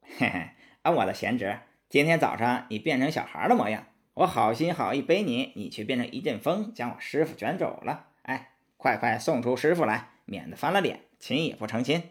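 A boastful monkey king talks with swagger and teasing charm, as a male storyteller voices him. The pitch swings lively up and down, at a middling height. It is a children's storybook telling. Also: moderate pace, natural voice.

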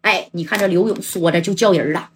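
A woman storyteller, telling a crime story in a lively, chatty way and often asking the listener rhetorical questions. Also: lowish voice, brisk, a little hiss or hum.

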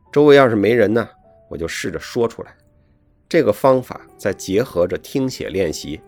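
A man's voice: sits low, dry recording. A man giving friendly, folksy advice to young learners in a chatty, scripted talk. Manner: chatty, folksy, adds friendly tag questions. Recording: soft piano music behind the voice.

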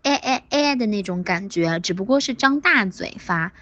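Pronunciation teacher, woman, mid pitch, dry close sound, slow drilled vowels, encouraging. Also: lively intonation, bright, forceful tone, dry recording, dull audio. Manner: drawn-out vowel demonstrations, repeats words slowly; encouraging praise. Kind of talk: online class instruction.

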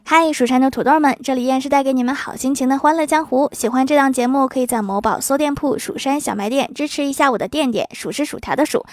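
A woman's voice: sits high, quick pace, hardly any pauses, a little mellow. A woman hosting a podcast, reading out jokes and listener comments and adding playful, teasing remarks after each one. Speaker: podcast host.

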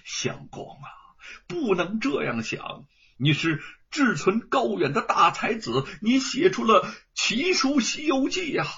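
A man storyteller voicing a gentle, devoted young wife who speaks softly and soothingly, on a dull lo-fi recording. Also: extremely high pitch, sing-song, a little slow, hardly any pauses, slightly rough, pitched above the performer's own voice, exaggerated voice. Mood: tender.

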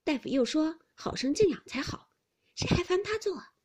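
A woman voicing a gentle, tactful young maid who coaxes and explains softly. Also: high voice, lively intonation, normal speed, voice pushed up. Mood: coaxing.

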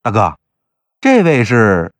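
A man's voice: fairly low pitch, huge pitch swings, slow pace, no room sound, voice pushed down, full character voice. A man voicing an earnest, hot-tempered younger brother in a storybook tale. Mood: delighted. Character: loyal younger brother, indignant and warm.

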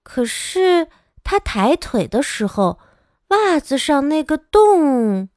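Slow, animated woman storyteller. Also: sits high, no echo, clean studio sound. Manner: lively, animated, childlike narration. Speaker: children's storyteller. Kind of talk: expressive storybook reading for children.

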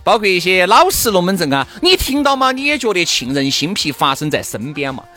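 A man's voice: high voice, sing-song, a little fast, pushed and bright, faint music behind. A man with a Sichuan accent co-hosting a talk show in casual, teasing, slangy comic banter.

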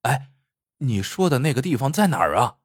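A man's voice: medium pitch, big pitch swings, moderate pace, slightly rough, dry recording, clean studio sound. A man voicing a humble, flustered middle-aged male popcorn vendor who stammers and hesitates. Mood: anxious.

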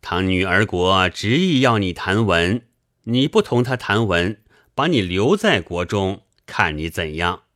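A man voicing an elderly, learned sailor who lectures and teases in a measured way. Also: sits low, sing-song, fairly bright tone, heavily acted. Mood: wry.

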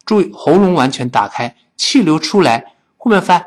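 A man leads a spoken English lesson in a lively voice. His pitch sits a little high and swings widely, and he drills each phrase slowly before speeding it up. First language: Chinese. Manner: animated, drills phrases slowly then fast. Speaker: English teacher.

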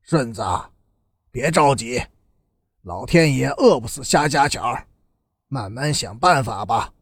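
Male narrator doing a calm kind guy in an audiobook, soft and husky. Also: medium pitch, a little slow, no room sound, voice pushed down, full character voice. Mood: soothing.

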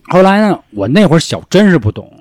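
Young guy telling stories, swears a lot, pitch jumps all over, super dry close mic. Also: fast, dry recording. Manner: animated, swears freely, acts out shouts in the story. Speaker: storyteller guest. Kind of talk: casual storytelling chat.

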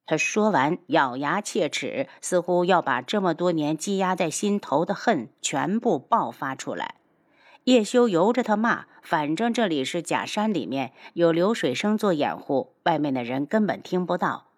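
Woman narrator, novel reading, expressive, lively pitch, lower voice. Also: moderate pace. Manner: expressive storytelling. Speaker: audiobook narrator.

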